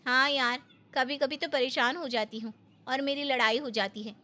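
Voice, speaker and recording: A cheeky young daughter-in-law from a storybook, played by a woman, her voice fairly high. She answers in an exaggerated, mock-innocent way that is full of teasing. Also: fairly even intonation, moderate pace, pushed and bright. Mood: weary. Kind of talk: Hindi storybook voice acting.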